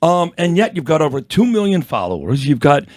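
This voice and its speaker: A middle-aged male radio host with a fairly high, very animated voice that swings up and down as he reacts. He jumps in with quick questions and exclamations, and the recording is dry and close. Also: no room sound. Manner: excitable, quick to interject. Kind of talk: casual interview.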